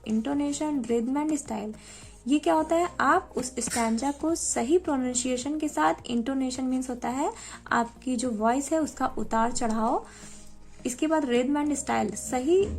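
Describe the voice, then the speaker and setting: Young woman, teacher trainee, high-pitched, creaky voice, explanatory tutorial, slow careful reading of quoted lines. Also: a little mellow. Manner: explanatory, addresses viewers directly; reads quoted English lines slowly and deliberately. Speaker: teacher-training student explaining a lesson plan. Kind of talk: spoken tutorial walkthrough.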